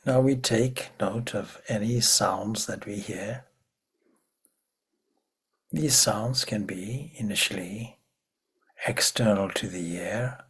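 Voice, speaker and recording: Speaking as a spiritual teacher, a man leads a guided meditation in a breathy, husky voice pitched fairly low. His delivery is hushed and measured, broken by long pauses.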